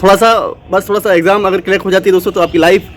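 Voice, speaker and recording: This host of a motivational channel has a high-sitting voice, a steady tone, and a rapid-fire pace, with slight background noise. Talking unscripted to exam students, he rambles and keeps restarting amid many fillers.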